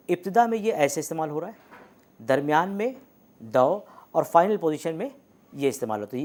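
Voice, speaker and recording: A man teaching letters and vowels in a recorded lecture. He explains patiently, says the example words slowly and repeats them, and often checks in with the class. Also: fairly high pitch, a little mellow. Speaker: Urdu language teacher.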